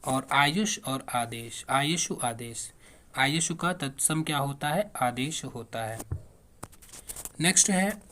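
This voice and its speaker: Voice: mid-range voice, expressive, slow, pushed and bright. A teacher working through past exam questions step by step, asking questions aloud and then answering them, with frequent fillers and self-corrections. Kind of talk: exam-prep lecture.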